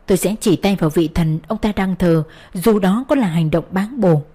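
A woman's voice: lowish voice, moderate pace, mellow. A woman narrating a first-person story in an earnest, sorrowful reading style. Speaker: audiobook narrator.

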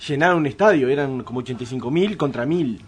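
A Uruguayan man joking and cutting in with quick remarks on a radio panel. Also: mid-range voice, lively intonation, husky. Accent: Uruguayan Spanish. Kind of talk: casual banter.

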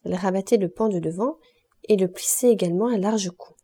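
A woman reading a classic novel aloud in steady, measured narration. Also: medium pitch, slightly rough. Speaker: audiobook reader. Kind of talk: scripted literary narration.

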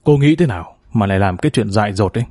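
A man voicing an older retired father who speaks calmly and urges gently, in a narrated story. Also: lowish voice, rapid-fire, no echo, pitched below the performer's own voice. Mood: fatherly.

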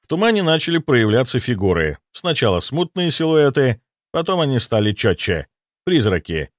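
A man's voice: mid-range voice, very animated, normal speed, no room sound, studio quality. Man narrating a fantasy audiobook with wry asides.

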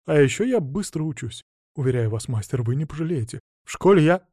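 A man's voice: fairly high pitch, animated, a little fast, mellow, no room sound, clean studio sound. A man voicing an overexcited young male bard who pleads and gushes, in an audiobook. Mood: eager. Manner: gushing, pleading.

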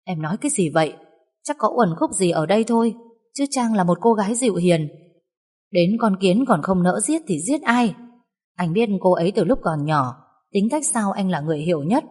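A woman's voice: mid-range voice, expressive, normal speed, a little mellow, slightly rough. A woman voicing a stern, self-righteous young husband in a reverberant recording. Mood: lecturing. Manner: lecturing sternly. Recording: long reverb.

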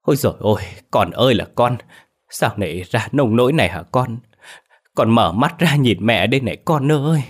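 A man voicing a grieving middle-aged mother who wails and begs, her voice hoarse from crying, in a told story. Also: deep voice, fairly even intonation, brisk, natural voice. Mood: wailing, pleading. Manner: wailing, begging.

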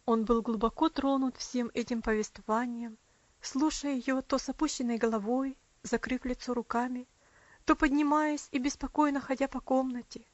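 High voiced lady reading an audiobook, steady and expressive, super dry sound. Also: normal speed, no echo. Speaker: audiobook reader. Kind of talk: audiobook narration. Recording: dry, slightly muffled.

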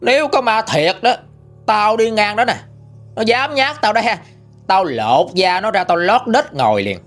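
A man voicing a fierce, fearless old grandmother in her sixties or older, scolding and shouting threats. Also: sits high, lively intonation, moderate pace, faint music behind, voice pushed up. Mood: scornful defiant.

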